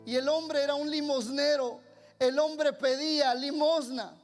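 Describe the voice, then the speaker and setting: A male pastor preaching fervently, swinging from hushed asides to loud shouts and often repeating words as he builds. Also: very high voice, fairly even intonation, unhurried, soft background music. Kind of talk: sermon.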